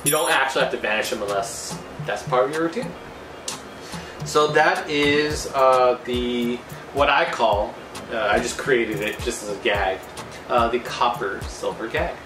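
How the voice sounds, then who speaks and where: A man's voice: mid-range voice, unhurried, far from the mic. A man giving a casual, rambling magic tutorial, thinking aloud in an informal, loose way as he explains. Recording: echoey room, off-mic, music behind.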